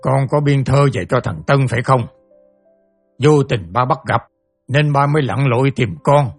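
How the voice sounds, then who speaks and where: An actor playing a stern, grieving older father who asks slow, terse questions over faint music. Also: medium pitch, lightly acted. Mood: grave.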